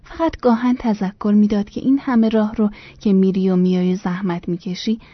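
A woman reading a first-person memoir aloud in a soft voice that often drops almost to a whisper. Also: mid-range voice, fairly even intonation, no room sound, highs cut off. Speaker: narrator.

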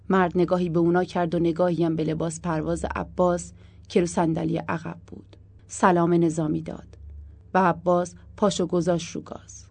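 Low mellow woman narrating a story. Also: slightly rough, no echo. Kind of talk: audiobook narration.

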